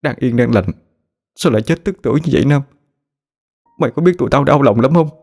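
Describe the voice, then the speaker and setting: A man's voice: on the low side, animated, fairly quick, darkish tone, faint music behind, natural voice. A man voicing an anxious young man grieving a drowned friend, in a shaky, pleading voice.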